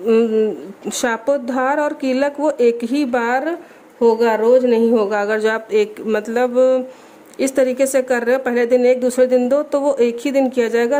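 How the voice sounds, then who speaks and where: एक महिला शांत और समझाने वाले अंदाज़ में धार्मिक पाठ के नियम बताती है और बीच-बीच में संस्कृत श्लोक धीरे-धीरे पढ़ती है।. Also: female voice, fairly high pitch. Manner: calm, explanatory, recites Sanskrit verses slowly. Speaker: religious instructor. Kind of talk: explaining scripture recitation rules.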